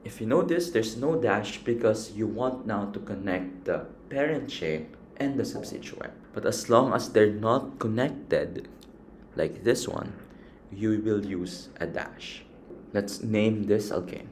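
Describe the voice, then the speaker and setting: A man teaches in an unhurried, careful way, walking through each step and counting items one by one. His voice sits on the low side. A faint hiss runs under the recording. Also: animated, a little mellow. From Philippines. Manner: slow, patient, counts items aloud. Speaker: chemistry teacher. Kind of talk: step-by-step classroom explanation.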